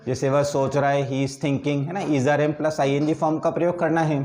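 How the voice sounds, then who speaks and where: A male English teacher, slowly drilling example sentences in a classroom lesson, switching between Hindi and English. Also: a little high, fairly even intonation, a little mellow. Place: classroom with a board, students present.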